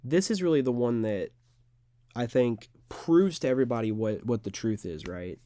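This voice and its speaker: A man's voice: mid-range voice, animated, normal speed, warm tone, no echo. A young man, an amateur fighter, talking straight to camera in an unedited, rambling monologue full of filler words. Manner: rambling, earnest, filler-heavy.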